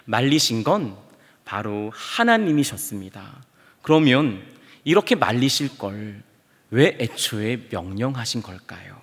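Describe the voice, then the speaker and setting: A male pastor preaching a sermon with drama, swinging from loud cries to hushed near-whispers. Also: medium pitch, sing-song, measured pace, in a large hall.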